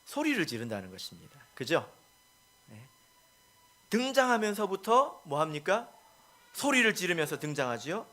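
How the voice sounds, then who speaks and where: A male pastor preaching a sermon, stressing points and asking the congregation questions, with many soft filler words between lines. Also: fairly high pitch, wildly swooping pitch, normal speed, pauses often.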